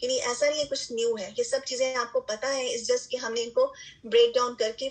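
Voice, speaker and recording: A woman's voice: a little high, steady tone, rough recording. A woman teaching a recitation lesson, explaining step by step and often checking in with her students. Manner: patient explaining, frequent "theek hai" check-ins, English terms mixed in. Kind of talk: online lesson lecture.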